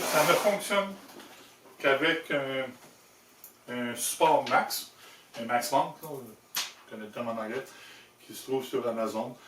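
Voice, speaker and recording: A man with a Québécois French accent giving an informal hands-on product demonstration, explaining in a halting way with self-corrections. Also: mid-range voice, fairly bright tone. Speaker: presenter demonstrating motorcycle gear he designed. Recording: echoey room, distant mic, handling noise.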